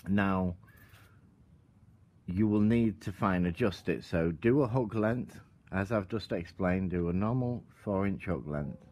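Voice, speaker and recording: A man giving a calm, step-by-step tutorial while working with his hands at an outdoor table. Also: sits low, unhurried. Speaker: product demonstrator.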